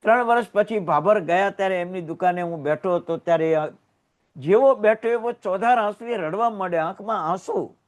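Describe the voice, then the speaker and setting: A man preaching to a congregation in a fairly high voice. He tells heartfelt stories, swelling loud and then sinking to near whispers. He is a Jain teacher from Gujarat. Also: normal speed. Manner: emotional storytelling with sudden rises and hushed drops. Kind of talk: sermon.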